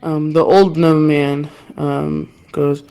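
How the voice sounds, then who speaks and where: A woman acting as game master, improvising narration in an informal, halting way with many uses of "like". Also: low voice, flat delivery, mellow, clean tone, soft background music.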